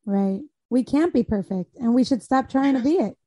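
A woman's voice: a little high, normal speed, warm tone, breathy edge, no room sound. A woman host chatting casually and earnestly with her guest. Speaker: podcast host. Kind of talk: casual interview chat.

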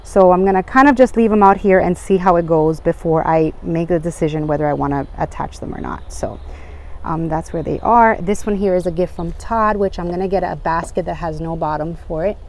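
A woman's voice: lowish voice, a little fast, darkish tone. A woman vlogger chatting casually and a little ramblingly as she shows plants, recorded outdoors on a handheld phone. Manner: chatty, rambling, apologetic asides. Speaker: vlog host. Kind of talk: casual chat while showing garden plants. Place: outdoors in a home garden and patio. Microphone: handheld phone behind the camera.

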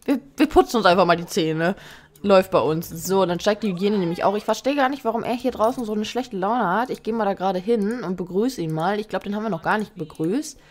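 A woman's voice: medium pitch, quick pace. A chatty woman talks through a life-sim game at a desk microphone. She reads menu options aloud and mutters teasing asides at the characters. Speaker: let's play host. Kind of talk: casual game commentary.

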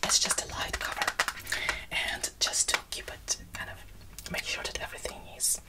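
A young woman doing a whispered role-play as a make-up artist, in a breathy, brisk, repetitive fast ASMR style. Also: far from the mic. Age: young adult. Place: small indoor room.

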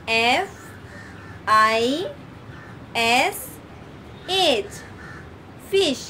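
A woman's voice: high voice, fairly bright tone, a little hiss or hum. A woman with a Pakistani accent teaching a kindergarten English lesson, spelling out each word letter by letter and repeating it. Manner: slow, spells words letter by letter and repeats them. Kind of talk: recorded classroom lesson.

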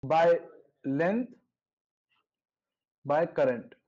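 A man's voice: a little high, lively intonation, very slow, a little mellow. A man with a North Indian accent teaching physics in a live online lesson, often checking understanding with short tag questions. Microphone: online video call. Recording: dull, lo-fi online class audio.

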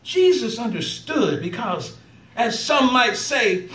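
A man with a strikingly high voice preaches a heartfelt testimony sermon, unhurried, his emotion rising and his laughter breaking through. The sound is distant and roomy, carried through a church sanctuary, with faint hiss underneath. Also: big pitch swings, a bit bright. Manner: emotional, fervent, laughs while telling stories. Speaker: preacher giving a trial sermon. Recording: echoey church recorded from a distance. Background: congregation calling back responses.

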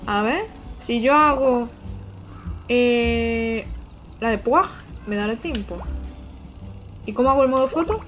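A young woman, chatting excitedly and casually while she streams a video game. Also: fairly high pitch, slow, pauses often, soft background music. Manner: excitable, chatty, with frequent squeals and giggles. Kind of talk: casual live-stream gameplay chat.

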